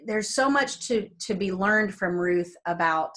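A woman from New Jersey tells stories about her family, playing the voices of relatives as she goes. She speaks over a video call with a webcam from a room at home, and her pitch sits in the middle of the usual range. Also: unhurried. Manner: animated storyteller who acts out quoted family members. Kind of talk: casual faith interview.

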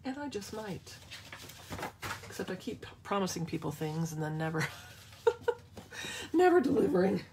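A woman's voice: lowish voice, lively intonation, slow pace, long pauses, noisy background. A woman hosting a live craft demonstration, chatting casually and playfully as she answers viewers' questions. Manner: chatty and playful, thinks aloud with restarts.

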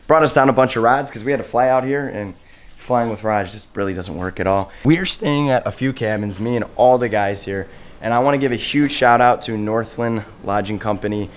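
A man with a hoarse voice from a sinus infection, chatting loosely to the camera as a fishing vlogger. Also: mid-range voice, brisk. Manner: laid-back, rambling, many fillers. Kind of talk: casual vlog talk to camera. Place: car, then outdoors by a lake.

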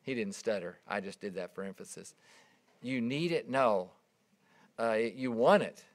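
With a lowish voice and moderate pace, a middle-aged man preaches earnestly and emphatically. He tells stories while his voice grows louder and then drops away.

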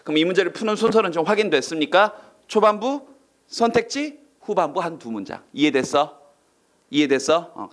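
A man teaching an online English exam-prep lecture, firing quick questions at his students and acting out reactions with silly voices. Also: on the high side, fairly bright tone.

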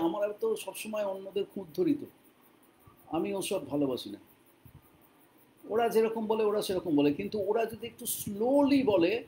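A man with a Bengali accent teaching an English lesson, repeating each phrase slowly and deliberately. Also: sits high, dark tone, a little hiss or hum, low-quality recording.

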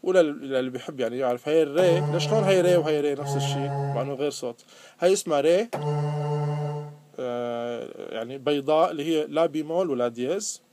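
A man teaching a music lesson. He sings note names and chants verses slowly, then explains in casual speech. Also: a little high, background noise. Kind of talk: music lesson with sung scales and recitation.

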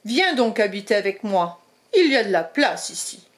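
A woman's voice: mid-range voice, big pitch swings, moderate pace, lightly acted. A woman voicing a big-voiced creature inviting a mouse in, in a storybook reading.

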